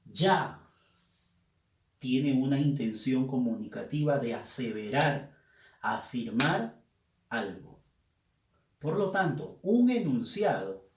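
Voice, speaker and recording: A male teacher explaining a lesson slowly and deliberately, stressing the key words. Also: mid-range voice, darkish tone. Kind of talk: recorded grammar lesson. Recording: roomy echo.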